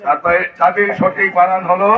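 A man plays a stern village schoolmaster with a Bengali accent in a folk stage play. His voice is high and projected, heard dully from a distance over a noisy outdoor crowd. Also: fairly even intonation, moderate pace, phone-quality sound, natural voice. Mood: schoolmasterly. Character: male village schoolteacher quizzing pupils, stern. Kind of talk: loud Bengali jatra folk theatre acting.

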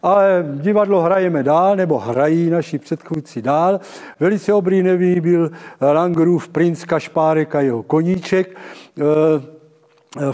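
An elderly man giving a public lecture, halting and correcting himself as he addresses his listeners. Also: fairly high pitch, warm tone. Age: 70s. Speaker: lecturer on local theatre history. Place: large dim auditorium with stage and seated audience. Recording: reverberant hall, long echo.

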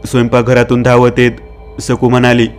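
A man narrating a horror story in a steady, even-toned scripted reading. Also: mid-range voice, a little fast, soft background music.

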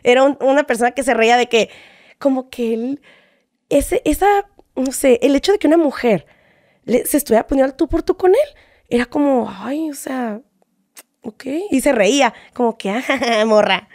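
A young woman with a Mexican accent tells her stories in a high voice as a guest in a casual interview. She acts out the quoted lines as she goes, and the recording is close and dry. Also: moderate pace, a little mellow, no room sound. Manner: chatty storytelling, acts out quoted dialogue.

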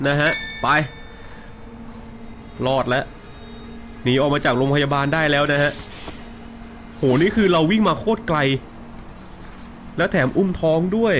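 A young man streaming a horror game into a desk mic, joking and swearing coarsely. His voice sits a little high, and faint ambient noise runs underneath. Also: animated, moderate pace, pauses often. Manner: jokey, coarse swearing, loud yelps when startled. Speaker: gaming streamer. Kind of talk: casual let's play commentary.

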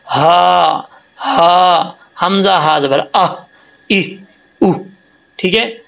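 A man teaching Quran tajweed, explaining letter sounds patiently and repeating them slowly. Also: sits high, vocal fry, a bit bright, low-quality recording. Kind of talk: Quran tajweed lesson with recitation.

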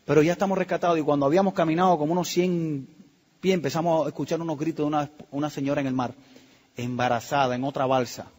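Animated Cuban man telling a story. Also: a little high, fast talker. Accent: Cuban Spanish. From Cuba. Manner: animated storyteller, acts out quotes, drops to a hush for tense moments. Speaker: speaker telling his story. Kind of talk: storytelling talk to an audience.

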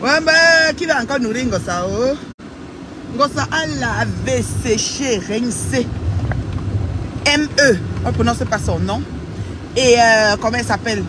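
A woman's voice: fairly high pitch, lively intonation, normal speed. A woman with a Cameroonian French accent ranting to her viewers from inside a car, teasing and taunting in a repetitive sing-song way. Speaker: social media personality. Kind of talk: casual vlog rant to viewers. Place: inside a car outdoors in cold weather. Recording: noisy car and street background.

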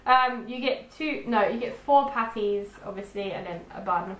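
A woman's voice: mid-range voice, moderate pace, fairly bright tone. A chatty, teasing woman, hosting a casual food taste-test vlog. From London, England. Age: 20s. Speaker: vlogger co-host. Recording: echoey room with faint background hiss.

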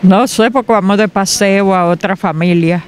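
A woman answering a street reporter's questions on a city sidewalk, hesitant and unhurried. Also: medium pitch, slight background noise. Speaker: interviewee. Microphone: reporter's handheld mic.

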